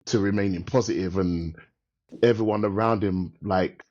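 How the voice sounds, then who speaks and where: A middle-aged man with a London accent co-hosting a casual film review chat, slangy and animated, repeating himself for emphasis. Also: low voice, moderate pace. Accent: British, London. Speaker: podcast co-host reviewing films. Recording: slightly dull, lo-fi sound.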